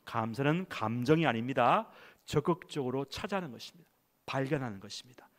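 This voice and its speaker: A male pastor preaching in a church sanctuary, his pitch swinging widely as he stresses each point at a mid-range pitch. He speaks emphatically, asks rhetorical questions, and calls the congregation to read along with him. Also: animated, fairly quick. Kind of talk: sermon.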